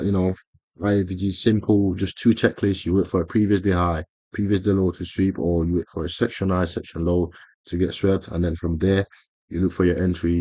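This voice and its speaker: Deep-voiced man rambling through a trading lesson. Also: warm tone, no echo, muffled recording. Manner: rambling, frequent fillers and self-corrections. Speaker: trading educator. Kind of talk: casual screen-recorded tutorial.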